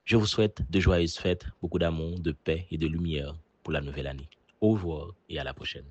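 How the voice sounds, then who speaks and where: A man from Haiti with a Haitian accent, a teacher and journalist, giving an earnest, measured personal testimonial with a few fillers. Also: rumbling low, slightly rough, no room sound, highs cut off.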